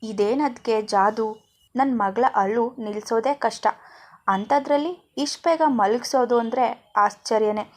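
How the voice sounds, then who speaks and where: A woman voicing a friendly young father who talks quickly and brightly. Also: on the high side. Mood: surprised.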